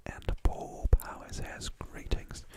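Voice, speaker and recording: A relaxed, rambling ASMR livestream host whispers softly at a slow pace. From a room at home, they read viewer messages out loud.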